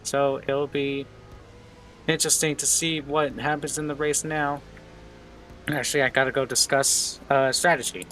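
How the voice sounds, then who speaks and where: A man co-commentating a sim race on a live stream, excitable and quick to read out the grid. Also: medium pitch, slight background noise. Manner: excitable, reads out grids quickly.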